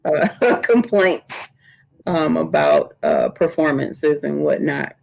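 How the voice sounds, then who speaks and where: A co-host in casual chat over a remote internet call, the voice breaking up on a bad connection and talking haltingly with restarts. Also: mid-range voice, huge pitch swings, vocal fry, a little mellow. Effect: choppy internet connection, voice cutting out.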